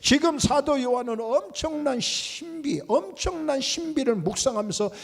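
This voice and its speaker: A man's voice: very high voice, lively intonation, moderate pace, gravelly. A male pastor preaching a sermon with emphasis, often repeating his key words. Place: large church sanctuary. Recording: long church reverb.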